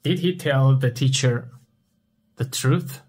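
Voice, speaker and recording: A man teaches at a very unhurried pace. His voice is husky and mid-pitched. He asks a question, pauses, and then answers it himself in simple words. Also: a little mellow. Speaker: English teacher. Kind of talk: slow question-and-answer language lesson.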